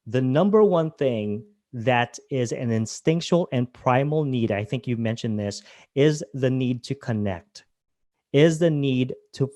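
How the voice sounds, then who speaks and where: A man from Hawaii whose first language is a Filipino language presents a webinar conversationally, asking his audience questions. His mid-range voice is a little mellow, captured in a dry, studio-quality recording.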